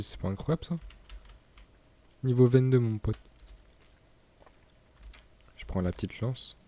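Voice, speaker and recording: A man's voice: mid-range voice, warm tone. A young man commenting casually on his gameplay, chatty, laughing and tripping over words. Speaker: gaming YouTuber.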